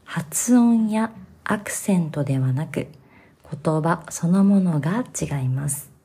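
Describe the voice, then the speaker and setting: A woman from Kansai, the host of a podcast, explaining Japanese to learners in a slow, careful, soft-spoken way. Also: sits low, expressive, husky.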